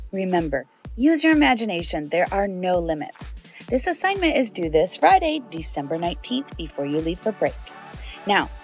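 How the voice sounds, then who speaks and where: Woman teacher going over homework, clear and lively, faint music in the back. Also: lowish voice. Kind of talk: reading an assignment aloud to a class.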